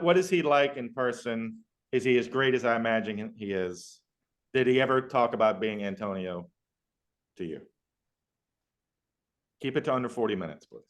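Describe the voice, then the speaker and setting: Man, podcast host, mid-pitched voice, rambling enthusiastic questions, casual chat.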